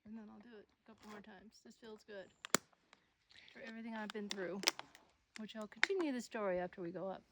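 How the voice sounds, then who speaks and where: A woman's voice: mid-range voice, brisk, heavy background noise. A woman hosting a hike outdoors in the mountains, chatting and musing aloud as she walks, tired and hot. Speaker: host of a Bigfoot investigation channel. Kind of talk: casual chat while hiking.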